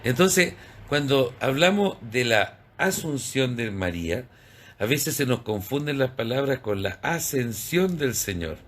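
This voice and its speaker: A man's voice: medium pitch, big pitch swings, a little slow, a bit bright, a little hiss or hum. A man, a priest hosting a church program, explaining terms and greeting viewers. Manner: explanatory, spells out terms, asks rhetorical questions.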